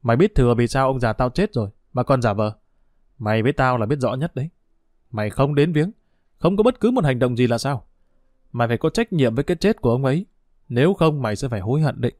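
A man voicing an angry, grieving village man who accuses and threatens in harsh, quick speech. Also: mid-range voice, expressive, darkish tone, no echo, clean studio sound, lightly acted. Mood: angry, accusing.

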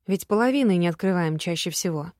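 A woman reading the lines of a young female student heroine, soft and earnest. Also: on the low side, lively intonation, brisk, no echo, clean studio sound, natural voice.

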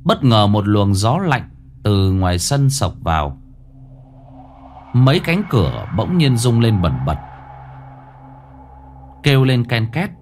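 A man narrating a ghost story in a slow, dramatic way, dropping to a hush at eerie moments. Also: lowish voice, big pitch swings. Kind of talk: scripted horror story narration. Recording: narration over faint music.

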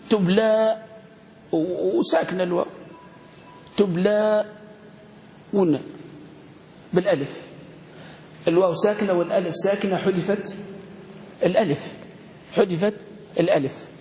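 A high-voiced man leads a grammar lesson, quizzing his class and drawing words out slowly. His voice rings through a reverberant room with a faint hiss underneath. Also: a little mellow. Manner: questioning students, spelling words out slowly. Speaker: Arabic grammar teacher. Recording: echoey room with long reverb, faint noise.

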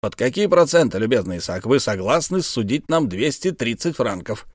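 A man's voice: medium pitch, sing-song, normal speed, no echo. A man voicing a firm, commanding male army captain who serves as governor, for an audiobook. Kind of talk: audiobook character voice.

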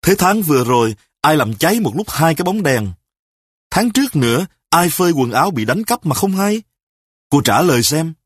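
A man playing a sick, petty husband who scolds his wife in rapid-fire accusations in a spoken story. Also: a little high, big pitch swings, breathy edge, no room sound, studio quality, voice pushed up. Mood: accusing. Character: sick, petty, quarrelsome husband, self-righteous.

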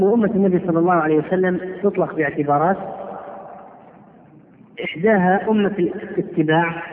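High-voiced male scholar in an echoey hall. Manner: slow, deliberate, explains word by word. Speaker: Islamic scholar teaching. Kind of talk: religious lesson explaining hadith. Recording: tinny, echoey hall recording.

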